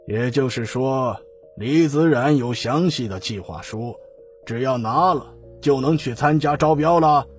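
A man's voice: medium pitch, measured pace, close to an everyday voice. An actor voicing a scheming old patriarch in an audiobook, commanding and dismissive. His mid-range voice has faint music underneath. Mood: probing. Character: older family patriarch, scheming and domineering. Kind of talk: audiobook drama acting.

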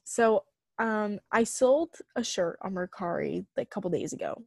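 A young woman co-hosting a podcast, telling a long story in casual chat, full of fillers and animated retellings. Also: medium pitch, moderate pace, gravelly, slightly rough, no room sound. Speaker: podcast co-host.

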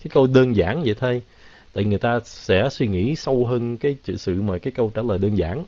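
A man teaching English in a casual live Q&A, mixing Vietnamese and English and drawing words out slowly. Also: medium pitch, dark tone, no echo. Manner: drawn-out, slow pronunciation of English words. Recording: dull, lo-fi, dry.

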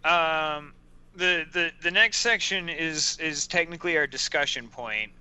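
Male podcast co-host, very bright and clear voice, brash and profane. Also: on the high side, measured pace. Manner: loud, profane, animated storytelling. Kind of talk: casual podcast chat.

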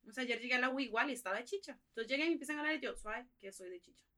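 A woman's voice: high-pitched, racing. A young woman with a Costa Rican accent, a podcast guest in casual chat, talking animatedly and acting out the things people say. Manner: animated, acts out quoted remarks.

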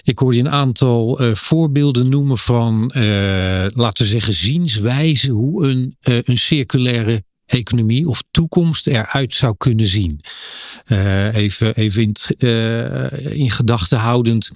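Male host, middle register, thoughtful but halting, hunts for words, dry studio. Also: medium pitch, no room sound. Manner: hesitant, many filler sounds, searching for words. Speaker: podcast host. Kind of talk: podcast interview.

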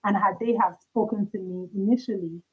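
A woman's voice: mid-range voice, fairly even intonation, brisk, slightly rough, narrow, tinny audio. A young adult woman, a podcast guest, earnestly telling a personal faith story in conversation, acting out the dialogue as she recounts it.

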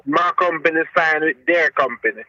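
A man's voice: on the high side, normal speed, bright, forceful tone. A middle-aged man with a thick Jamaican accent, chatting casually over the phone. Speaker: company truck driver being interviewed. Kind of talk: casual conversation. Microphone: phone call. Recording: muffled, band-limited phone line.

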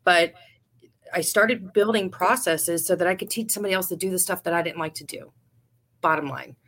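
Low-pitched woman guest; frank, chatty business owner talking shop casually. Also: a little fast, a bit bright. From Ohio, USA. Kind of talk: casual interview answers.

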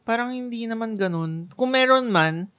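A woman co-hosting a casual podcast, talking in an animated way with many fillers. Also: on the high side, normal speed. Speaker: podcast co-host. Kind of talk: casual chat.

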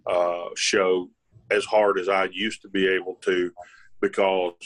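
A man's voice: low voice, flat delivery, unhurried. An older man, a former tour golfer co-hosting a podcast, talking bluntly and instructively. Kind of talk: casual chat.

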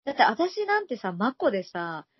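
A young woman co-hosting a casual chat, easygoing and quick to agree. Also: a little high, sing-song, breathy edge, no echo. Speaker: podcast co-host. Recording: dull lo-fi recording.

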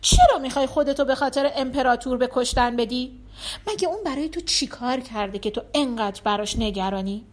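A woman voicing a calm, wise emperor in disguise who speaks earnestly. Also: high voice.

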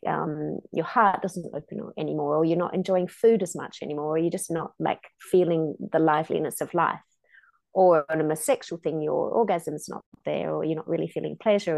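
Low gravelly woman, earnest coach. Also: a little mellow, dry recording. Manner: earnest, explanatory, casual. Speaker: sex and intimacy coach. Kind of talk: podcast interview.

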